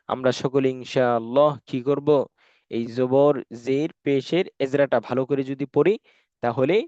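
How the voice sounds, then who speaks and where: A man with a fairly high voice teaching Quran reading over an online call. He drills sounds slowly and answers his own questions. The audio is dry and dull. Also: darkish tone, no room sound.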